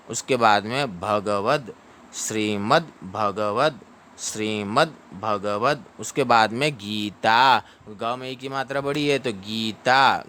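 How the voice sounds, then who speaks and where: A man teaching how to pronounce a Sanskrit chapter ending, drilling each syllable slowly and chanting it back. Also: medium pitch, a bit bright, slight background noise. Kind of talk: pronunciation lesson.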